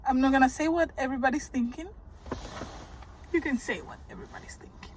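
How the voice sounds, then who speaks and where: A young woman with a very high voice talks through a reality show episode in casual vlog style. She is animated, laughs often and shrieks in disbelief. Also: slight background noise, rough recording. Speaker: reaction vlogger.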